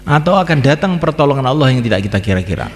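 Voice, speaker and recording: An Indonesian man preaches to a gathering in a religious talk, repeating his phrases over and over and singing lines from the call to prayer. His medium-pitched voice is very animated and fast. There's slight background noise and a long hall reverb.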